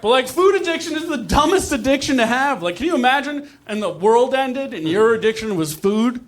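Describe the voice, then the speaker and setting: A man with a very high-pitched, animated voice talks fairly quickly as he tells self-deprecating stand-up stories to a live crowd, chatting conversationally and acting out dialogue. The noisy comedy-show recording is full of audience laughter.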